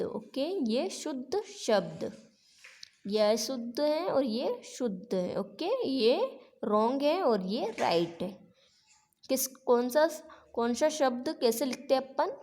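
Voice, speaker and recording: A woman's voice: fairly high pitch, a little mellow. A woman teacher with a Rajasthani Hindi accent giving a spelling lesson to young children, speaking patiently, repeating words and asking the class questions. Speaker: primary school teacher. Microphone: recorded lesson video.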